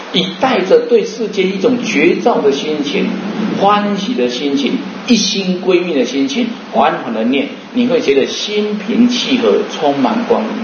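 A man's voice: fairly high pitch, background noise. Man giving a roomy dharma talk. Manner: rhetorical questions, slow chanting demonstrations. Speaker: Buddhist teacher. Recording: roomy, muffled recording.

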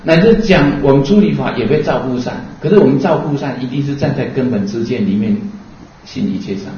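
A man's voice: a little high, dark tone, slight background noise. A man giving a Buddhist Dharma lecture, explaining earnestly and asking rhetorical questions along the way. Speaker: Buddhist teacher. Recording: distant, dull, roomy lecture recording.

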